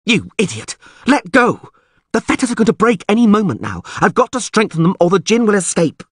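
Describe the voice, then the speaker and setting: A fiery young sorceress, as a male narrator puts her on, shrieking and cursing high above his usual register. The voice sits husky and close, with a dry, dead sound. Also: sing-song, a little fast, no echo, full character voice. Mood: furious. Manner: screaming, cursing, shrill.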